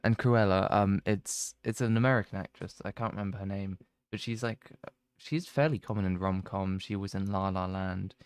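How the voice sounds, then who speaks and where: A man's voice: sits low, normal speed, clean tone, no echo, studio quality. A young man chatting casually on a stream, rambling and self-mocking, with plenty of swearing. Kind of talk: casual chat.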